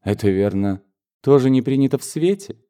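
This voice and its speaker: A man takes his voice well above its usual register to voice an earnest, reproachful young woman from a classic novel. She speaks hotly and pleadingly, her pitch climbing and swinging widely; it's very animated and dark-toned at normal speed, close to an everyday voice.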